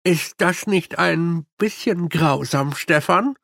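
A deadpan army captain, as a male narrator puts him on in an audiobook, slow and drily ironic, with hesitant fillers. His voice is pitched higher than the reader's own. The sound is close and dry. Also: vocal fry, no room sound, exaggerated voice.

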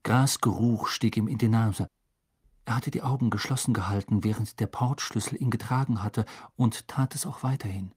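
A man narrating an audiobook in a measured storytelling manner. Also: on the low side, darkish tone, breathy edge, no echo, studio quality. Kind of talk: scripted narration.

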